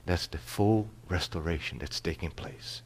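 A man's voice: deep voice, moderate pace, slight background noise. Impassioned male pastor preaching a sermon. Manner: impassioned preaching, swinging from hushed to loud; repeats phrases for emphasis.

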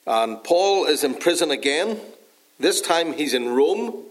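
Preaching earnestly and unhurriedly, this Northern Irish pastor leans on frequent pauses and fillers, his voice fairly high, animated, and a little hoarse from a dry cough. The recording quality is low.

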